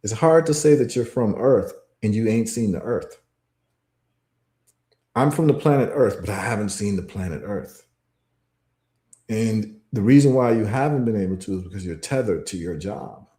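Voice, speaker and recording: Emphatic low-voiced man in echoey room. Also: lively intonation, moderate pace, warm tone. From Ghana. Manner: emphatic, repetitive, storytelling. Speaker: podcast guest. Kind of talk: casual talk-show monologue.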